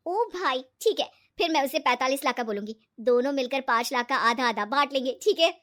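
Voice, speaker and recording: A woman voicing a scheming, jealous young woman who cheats her friend, loud and coaxing. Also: high voice, lively intonation, brisk.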